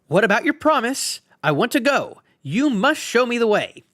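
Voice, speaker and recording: An impatient little hobbit speaks up loudly and urgently, as a man reading aloud plays him. His voice sits well above the reader's own. The sound is dry and close. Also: very high-pitched, sing-song, moderate pace, dry recording, voice pushed up, heavily acted. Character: small, impatient male hobbit.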